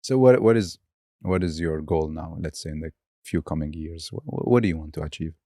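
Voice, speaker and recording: Deep, dark-voiced male podcast host. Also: a little fast, dry recording, studio quality. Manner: searching for words, laughs often. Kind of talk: casual interview chat.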